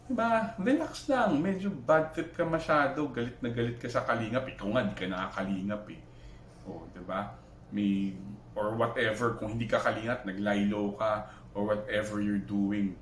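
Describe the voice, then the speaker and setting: A man's voice: fairly low pitch, normal speed, roomy sound, slight background noise. A man with a Filipino accent giving heated reaction commentary, switching between Tagalog and English, firing rhetorical questions and restarting his sentences. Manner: argumentative, Taglish, rhetorical questions, many restarts. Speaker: vlogger reacting to another creator.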